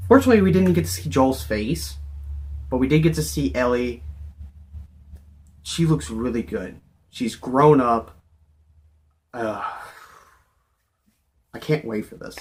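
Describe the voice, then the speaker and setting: Male gaming vlogger, mid-pitched, casual and unscripted, overexcited fan who gushes and repeats himself. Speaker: video game vlogger.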